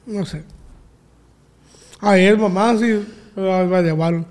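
A man's voice: high voice, slow pace, darkish tone. A man, a guest in a casual interview, giving short, clipped, playful and boastful answers. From Mexico, Culiacán.

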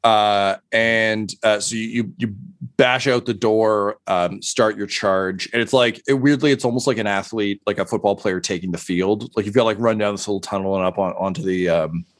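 Deep voiced guy as game master, lots of uhs and ums while narrating. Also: steady tone. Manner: halting, many fillers.

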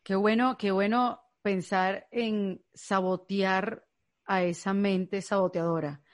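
A woman's voice: mid-range voice, steady tone, slow, no room sound. A woman hosting a podcast interview, talking in a thoughtful, conversational way and asking open questions. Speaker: podcast host.

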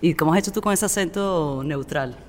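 A woman's voice: sits low, brisk, long reverb tail. A woman from Venezuela hosting an interview, asking long, winding questions in casual chat. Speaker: host, interviewer.

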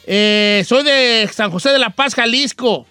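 High bright-voiced Mexican radio host. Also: male voice, unhurried, clean tone, no room sound. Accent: Mexican, western (Michoacán area). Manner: animated storyteller, acts out quoted dialogue. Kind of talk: casual radio chat.

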